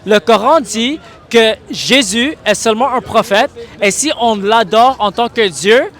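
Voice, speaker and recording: A man with a strikingly high voice argues on a busy city street. He is insistent and pressing, hammering his point and repeating his friendly address again and again. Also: unhurried, fairly bright tone. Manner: insistent, keeps repeating "mon ami". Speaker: street evangelist. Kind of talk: street debate.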